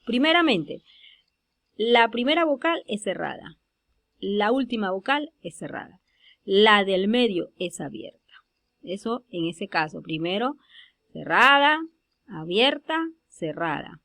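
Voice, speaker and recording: A woman giving a spoken grammar lesson over slides, slowing down to stress example words. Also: medium pitch, animated, fairly bright tone. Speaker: teacher.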